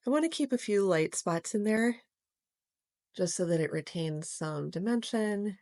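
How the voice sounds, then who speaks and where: A woman narrating her watercolor painting step by step in a gentle, explanatory way, as host of a real-time art tutorial. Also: mid-range voice, lively intonation, a little slow, no echo, clean studio sound.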